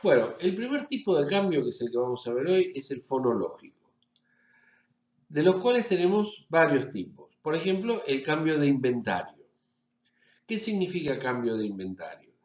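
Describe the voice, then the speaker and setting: On an echoey, somewhat dull recording, a university lecturer speaking Rioplatense Spanish delivers a phonetics lecture. His voice is fairly high and very animated at a moderate pace, and he goes step by step, frequently checking with his students.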